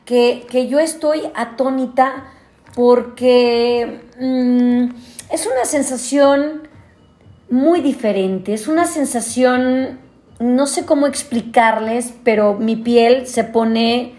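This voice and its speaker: A woman with a Mexican accent hosting a live chat show, gushing and effusive, quick to laugh. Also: on the high side, mellow. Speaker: host.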